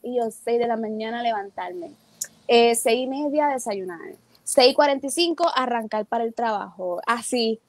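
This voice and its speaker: High-voiced animated woman telling stories. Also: moderate pace. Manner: animated, acts out her own quoted thoughts. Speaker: interview guest, teacher and entrepreneur. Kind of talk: casual interview storytelling.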